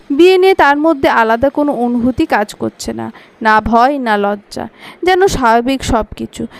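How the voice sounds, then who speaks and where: A woman's voice: a little high, no echo. Woman reading an audio story.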